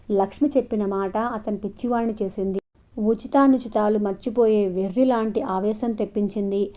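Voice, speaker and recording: A woman narrating an audio novel in a measured, even storytelling manner. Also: medium pitch. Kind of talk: scripted narration. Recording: dull lo-fi recording.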